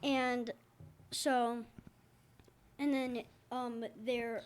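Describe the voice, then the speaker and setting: A woman's voice: fairly high pitch, little pitch movement, very slow, slight background noise. A teenage daughter chatting casually as co-host, giggly and easily losing her train of thought. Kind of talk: casual chat.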